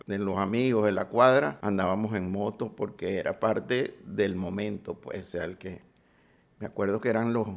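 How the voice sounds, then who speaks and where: A low, gravelly older man from recalls his youth in a halting, unhurried way, often restarting his phrases. His colors every line. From Venezuela. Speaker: guest, sound designer. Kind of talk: interview storytelling.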